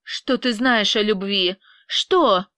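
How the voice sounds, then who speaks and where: A woman voicing a distraught, defiant young mother with shrill, tearful outbursts. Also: slow, bright, forceful tone, clean tone, dry recording, clean studio sound. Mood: angry.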